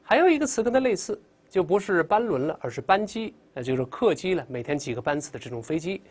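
Lively, high-voiced male English teacher. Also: quick pace, breathy edge. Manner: calls out drill words, coaches pronunciation. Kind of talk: classroom vocabulary lesson.

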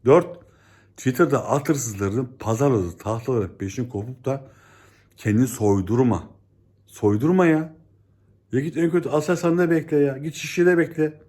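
Exasperated man ranting about stocks. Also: moderate pace. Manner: exasperated, scolding, swings between shouting and low warnings. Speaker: stock market commentator. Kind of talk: ranting video monologue.

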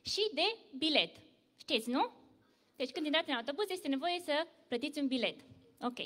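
A woman telling a story to children at church, lively and full of questions for the kids. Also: sits high, big-room sound. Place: church hall.

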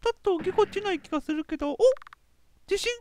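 A woman's voice: extremely high pitch, fast. A woman commentating a video game in a playful, boastful, old-fashioned elderly dialect. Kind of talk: casual let's play commentary.

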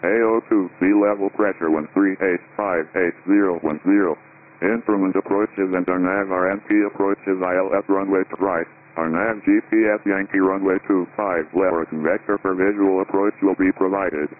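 A man reading a recorded airport weather broadcast, giving weather figures and notices in a steady, clipped radio readout. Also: deep voice, normal speed. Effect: airport weather broadcast over radio. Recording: tinny radio band with faint hiss.

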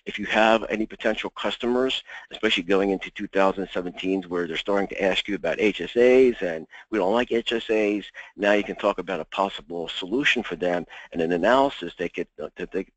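A man giving an insurance webinar, walking through slides in a halting way with many ums and uhs. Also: low voice, no echo, rough recording. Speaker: insurance sales presenter.

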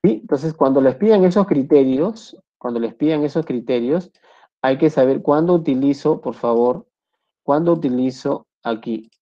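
A man's voice: medium pitch, moderate pace, dark tone. A man with a Peruvian Spanish accent teaching a recorded Excel lesson, often repeating points and checking in with "correcto". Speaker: Excel instructor. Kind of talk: screen-recorded software tutorial. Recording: dull lo-fi mic.

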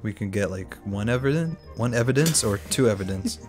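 A man's voice: on the low side, animated, a little fast, a little mellow. A young man doing casual let's-play commentary, with joking, profane banter. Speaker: let's player. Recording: game music behind the talk.

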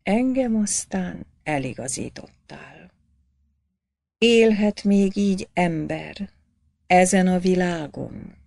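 A woman voicing a humble, shamed poor peasant man who speaks softly and stammers. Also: on the low side, gravelly, no room sound, clean studio sound. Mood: despairing. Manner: timid, stammering, soft-spoken.

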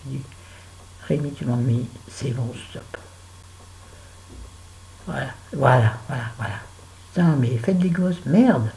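A woman's voice: extremely low pitch, slow pace, gravelly, long pauses, dark tone, a little hiss or hum, rough recording. A middle-aged woman vlogging while she does her make-up, chatting and telling a story with exasperated asides. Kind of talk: casual chit-chat while doing make-up.

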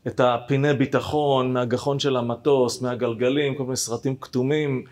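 A rabbi telling a personal story to listeners, animated and speaking to them directly. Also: male voice, medium pitch. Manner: animated, acts out dialogue, addresses listeners directly.

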